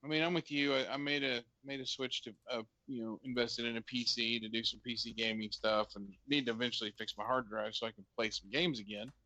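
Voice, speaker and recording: A man with a bright, forceful voice chats casually on a podcast, recorded dry and close. He hesitates often and fills the pauses with ums. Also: medium pitch, no echo. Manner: relaxed, hesitant, lots of ums. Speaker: podcast co-host. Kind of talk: casual chat.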